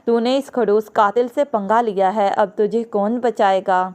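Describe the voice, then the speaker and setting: Defiant, frightened young woman in a storybook reading; a woman narrator reads her in a clear voice. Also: mid-range voice, fairly even intonation, darkish tone, close to an everyday voice. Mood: anxious.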